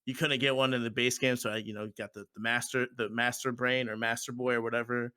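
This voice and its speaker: Bright, crisp-voiced young man chatting. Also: mid-range voice, little pitch movement, quick pace, no echo. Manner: rambling, repeats himself, uses "like" a lot. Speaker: podcast co-host. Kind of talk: casual chat.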